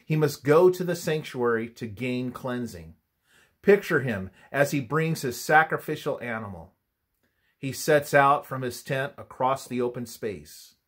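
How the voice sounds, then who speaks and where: A man reads a scripted religious study in a measured, teaching manner, and his phrases often fade softly at the ends. His voice is medium in pitch and slightly rough, with lively intonation.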